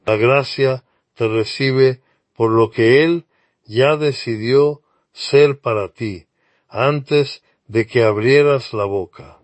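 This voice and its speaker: A man's voice: medium pitch, no echo. A man giving a scripted devotional sermon, speaking earnestly and straight to the listener. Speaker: preacher.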